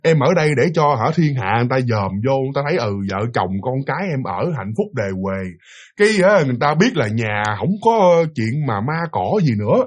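A man voicing his frightened middle-aged mother, pleading in a soft, hushed voice. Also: mid-range voice, very animated, a little fast, voice pushed down.

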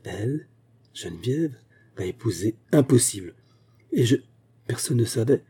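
A man's voice: medium pitch, a little fast, warm tone, breathy edge, close to an everyday voice. A man voicing a young husband who turns stammering and flustered. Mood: stunned. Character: young dark-haired husband, cheerful then flustered.

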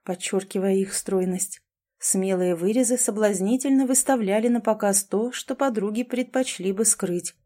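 Lady reading a fairy tale, warm mellow tone, mid pitch. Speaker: audiobook narrator. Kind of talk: storybook narration.

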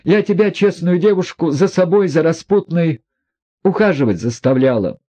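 A proud, reckless young woman, voiced by a male reader in a raised, husky voice that swings widely. Her talk is mocking and defiant, full of scorn. It is an audiobook character reading. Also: fairly high pitch, expressive, moderate pace, dark tone, voice pushed up. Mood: wistful bitter.

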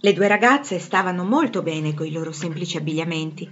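A woman narrating a classic novel with a measured, expressive reading. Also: lowish voice, highs cut off, slight background noise. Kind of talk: storybook narration.

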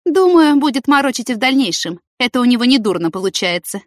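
A woman's voice: on the high side, sing-song, fast, no room sound, studio quality, voice pushed up. A woman reading an audiobook, voicing a jealous, scorned young woman doctor who speaks with biting sarcasm. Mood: bitter sarcastic. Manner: bitter, sarcastic, hissing through teeth.

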